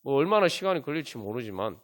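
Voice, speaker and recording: A man's voice: mid-range voice, big pitch swings, quick pace. A man pastor preaching at a Friday prayer meeting in church, asking many rhetorical questions and using frequent fillers.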